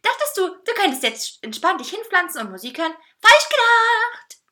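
Woman putting on a shrill smug talking cake. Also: animated, moderate pace, sharp tone. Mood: mocking. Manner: shrill, mocking, theatrical. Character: cheeky bossy talking cake, male, a diva.

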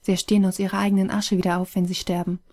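A woman's voice: mid-range voice, little pitch movement, rapid-fire, darkish tone, lightly acted. A woman voicing a guarded young man who is stubborn and afraid of losing his companion, speaking insistently in an audiobook reading. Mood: pleading, insistent.

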